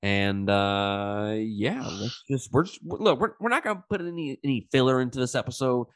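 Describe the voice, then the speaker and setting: A man's voice: medium pitch, expressive, normal speed, no room sound, clean studio sound. A man hosting a movie review podcast in casual, profane slang, with a stuffed-up, pinched-nose nasal sound from a sinus infection. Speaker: podcast host.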